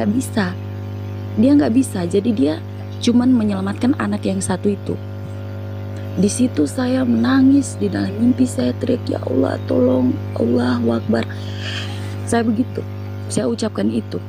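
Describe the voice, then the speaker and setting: A woman recounting a personal testimony with earnest, emotional storytelling as an interview guest. Her voice sits at a middle pitch, and music plays clearly behind her. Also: rough recording.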